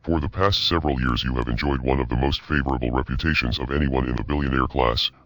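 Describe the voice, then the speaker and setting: A man reading a scripted, accusing statement in an electronically deepened, disguised voice. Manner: steady, accusing, ominous. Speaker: anonymous activist spokesman. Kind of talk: scripted statement read aloud.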